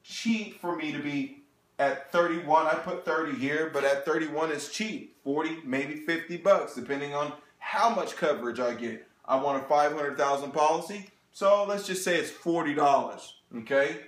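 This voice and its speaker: A man in his thirties giving a sales seminar presentation, animated and talking straight to the audience with frequent check-ins. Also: on the high side, normal speed. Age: 30s. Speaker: financial presenter. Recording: echoey room.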